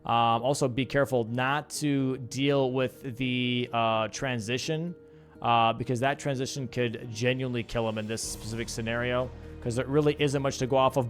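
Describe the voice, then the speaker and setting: A young man casting a live video game match, calling the play casually and talking to his stream chat. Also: medium pitch. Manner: casual, slangy, chatting with stream chat between calls. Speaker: caster. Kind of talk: live esports play-by-play commentary.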